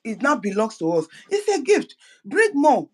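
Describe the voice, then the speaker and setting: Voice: medium pitch, huge pitch swings, normal speed, low-quality recording. A speaker gives an impassioned political address as an activist, fervent and full of repeated words and restarted phrases.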